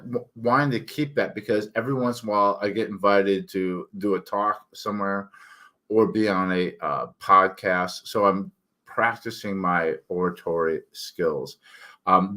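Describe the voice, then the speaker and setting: This middle-aged author runs his own channel and speaks in a lowish, fairly bright voice. His words come out thick and a little slurred, tongue-heavy, as he rambles candidly and runs himself down.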